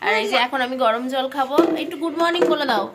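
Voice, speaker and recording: A high-pitched young woman with a West Bengal Bengali accent chats warmly and easily to her viewers, as if they were beside her. She films herself at home on a handheld phone, narrating her day in a casual family vlog and gently coaxing her small child. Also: fast talker, very noisy. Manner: chatty, talks straight to viewers, coaxes her child. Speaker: family vlogger. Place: home, indoors.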